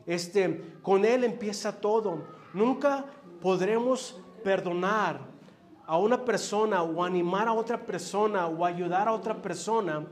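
Speaking at an unhurried, deliberate pace, this male preacher delivers his sermon in a voice fairly high for a man. He sounds earnest and dizzy, relying heavily on filler words.

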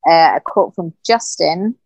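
A woman's voice: lowish voice, measured pace, darkish tone, breathy edge, no echo, rough recording. A woman co-hosting a podcast, chatting casually and laughing often as she reads out favourite quotes. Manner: giggly, reads out quotes from notes. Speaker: podcast co-host. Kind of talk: casual chat.

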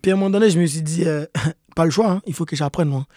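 Young male athlete guest, quick earnest delivery, warm tone, dry close mic. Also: on the high side, no room sound. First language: not English. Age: young adult. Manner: repeats key points, earnest. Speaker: guest, pro soccer player. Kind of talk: casual interview talk.

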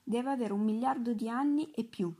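A woman reading aloud voices an earnest young female assistant who speaks brisk and insistent in a storybook. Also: fairly high pitch, warm tone, breathy edge.

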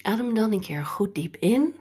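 A woman leading a guided meditation in a soft, breathy, soothing delivery over instrumental music. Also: medium pitch, lively intonation, normal speed.

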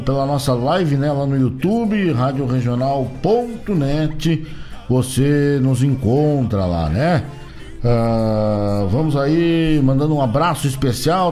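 Male radio host, gaúcho Brazilian accent, mellow tone, folksy ringmaster showmanship, music bed. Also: medium pitch. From southern Brazil, from São Borja. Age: late 30s or older. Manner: ringmaster-like showy greetings with drawn-out words. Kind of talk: folksy live radio hosting. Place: radio studio.

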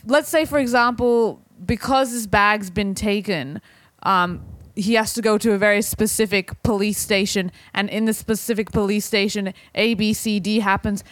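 A woman's voice: medium pitch, normal speed, fairly bright tone, no room sound. A woman in a casual conversation, talking earnestly and hesitantly with many restarts. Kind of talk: casual conversation about philosophy.

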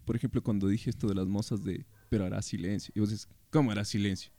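A man's voice: on the low side, steady tone, quick pace, dark tone. A young man, trading short teasing quips as a podcast co-host. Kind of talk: casual chat.

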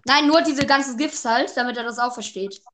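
High-voiced woman, playful casual call chat. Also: brisk, a bit bright.

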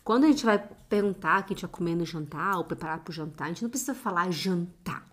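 A Brazilian woman, likely in her thirties, who is a mother giving a casual family language lesson with slow emphatic repetition and frequent laughter. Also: fairly low pitch, lively intonation. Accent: Brazilian Portuguese.

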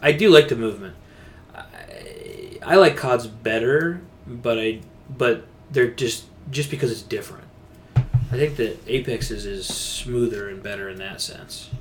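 With a little hiss or hum behind him, a man speaks at a medium pitch and a slightly slow pace. He's co-hosting a podcast, loosely chatting about games in a rambling, slangy manner.

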